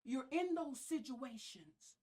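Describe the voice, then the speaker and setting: High-pitched Southern US woman preaching. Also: expressive, takes it slowly, dark tone, husky. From American South. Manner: emphatic, repeats key phrases, folksy interjections. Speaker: pastor preaching. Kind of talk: church sermon.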